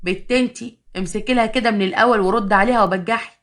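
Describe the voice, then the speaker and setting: Woman narrator doing a pushy Egyptian mom, rapid and blunt. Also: medium pitch, a bit bright, natural voice. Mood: scolding. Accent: Egyptian Arabic. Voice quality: bossy, blunt. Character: sharp-tongued Egyptian mother egging her daughter on.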